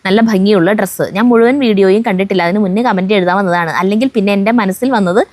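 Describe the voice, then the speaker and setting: A woman reads viewer comments aloud at a middle pitch, steady and chatty. She stops now and then for a quick joke. The sound is close and dry. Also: dry recording. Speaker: vlog co-host reading viewer comments. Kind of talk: reading comments aloud, casual chat. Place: outdoors at home on a windy day.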